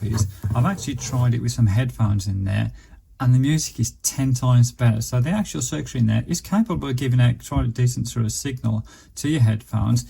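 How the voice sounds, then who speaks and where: An English man with a gravelly, medium-pitched voice reviews budget radios hands-on, casually chatting through each step. It's captured on a noisy camera microphone with faint hiss.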